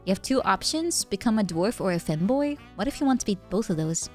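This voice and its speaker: Slightly tipsy on wine, a young streamer chats easily with viewers, laughing a lot and filling her thinking-aloud with fillers. Her medium-pitched voice is animated, a little mellow and fairly quick, over faint background music.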